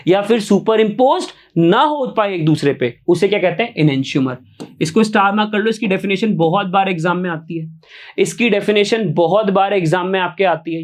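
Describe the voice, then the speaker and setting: A man teaching chemistry online, repeating each question to his students and answering it himself, often asking yes or no. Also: high voice. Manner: coaxing, keeps asking yes or no. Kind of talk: online exam-prep lecture.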